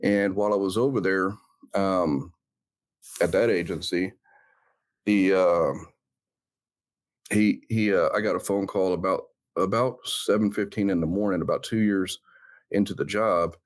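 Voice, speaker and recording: Deep-voiced man telling a heartfelt story. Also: steady tone, unhurried, long pauses. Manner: earnest, reflective, with frequent "uh" and restarts. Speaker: interview guest, founder of a law enforcement brand. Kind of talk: personal storytelling in a sit-down interview.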